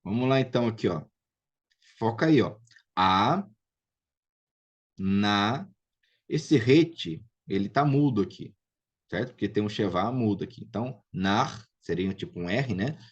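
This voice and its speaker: Husky-voiced Brazilian man teaching Hebrew. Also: on the low side, lively intonation, measured pace, long pauses, dull audio. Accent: Brazilian Portuguese. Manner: patient, checks in with "né?" and "ok?". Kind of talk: live online class, explaining and drilling pronunciation.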